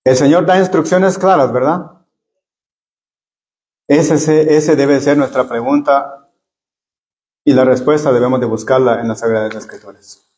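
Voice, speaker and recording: A man's voice: mid-range voice, measured pace, pauses often, a little mellow. A man leading a church Bible study sermon, earnestly addressing his listeners as brothers and often repeating words as he searches for phrasing.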